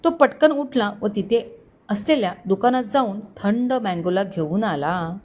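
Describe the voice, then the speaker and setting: A woman storyteller reading a romantic story aloud in a steady, expressive way. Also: medium pitch, unhurried. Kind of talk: scripted story narration.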